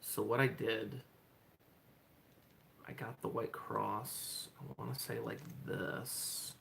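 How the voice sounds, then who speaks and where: Casual livestream guy at home: low, gravelly voice that swings up and down, excitable, thinks out loud. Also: slow pace, a little hiss or hum. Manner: excitable, thinks aloud, repeats "hold on" and "oh my gosh". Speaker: livestreaming speedcuber. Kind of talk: casual livestream self-talk.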